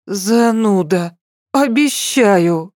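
A woman's voice: medium pitch, lively intonation, a little mellow, no room sound, clean studio sound. A woman voicing a tipsy, stubborn young woman who drags out her words and insists indignantly. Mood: tipsy insistent. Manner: drawn-out, slurred, indignant insistence.

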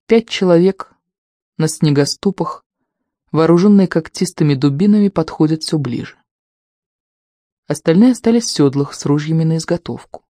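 An audiobook narrator reading scripted prose in a steady, measured way. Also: mid-range voice, dry recording, studio quality.

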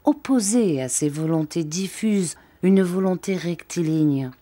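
A woman's voice: fairly low pitch, expressive, unhurried, mellow. A woman reading the part of an earnest young man urging the woman he loves, in an audiobook.

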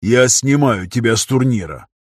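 A man voicing a stern, mocking male master of arena fighters, speaking slowly and seriously in an audiobook. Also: medium pitch, animated, darkish tone, slightly rough, no echo, clean studio sound. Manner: stern and slow, with a scoffing edge.

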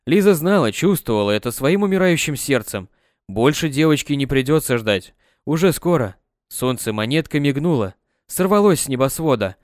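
A man narrating an audiobook with an expressive reading on a close mic. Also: mid-range voice, no echo.

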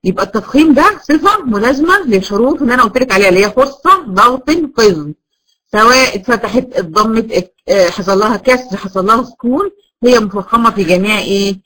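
Fast-talking Egyptian woman teacher. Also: mid-range voice, animated, fairly bright tone, low-quality recording. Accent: Egyptian Arabic. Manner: asks a question and answers it herself, repeating points. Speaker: Quran recitation teacher. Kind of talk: teaching a class of girls.

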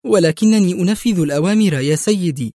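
A man's voice: sits high, fast talker, dark tone, no room sound, studio quality, voice pushed up. A man doing a flustered nurse. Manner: nervous, apologetic. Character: flustered young female nurse.

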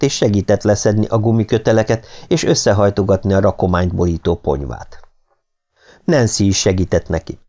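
A man narrating an audiobook in a steady, expressive reading. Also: on the low side.

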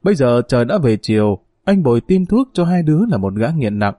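A man narrating a novel as an audiobook in an expressive, dramatic storytelling manner. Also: mid-range voice, brisk, no room sound, studio quality.

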